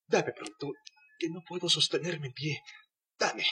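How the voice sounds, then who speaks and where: An actor playing a bold, heroic sailor adventurer in a children's audio adventure, with emphatic, declamatory delivery. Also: male voice, fairly high pitch, fairly even intonation, unhurried, sharp tone, a little hiss or hum. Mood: weary, puzzled.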